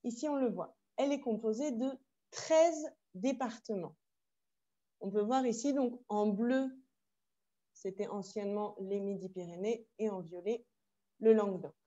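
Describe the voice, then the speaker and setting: A French woman teaching a French class online, explaining slowly and carefully with asides in Spanish. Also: medium pitch, mellow, lo-fi sound. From France. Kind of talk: online language workshop. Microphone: video call.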